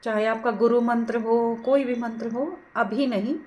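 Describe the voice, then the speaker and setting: A middle-aged woman leading a guided meditation, giving slow, gentle instructions with English words mixed into her speech. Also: on the high side, fairly even intonation.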